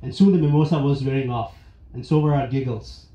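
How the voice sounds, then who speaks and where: A man from India telling a personal story live on stage, earnest and reflective, with pauses and restarts. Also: medium pitch, dark tone. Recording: roomy, dull live venue recording.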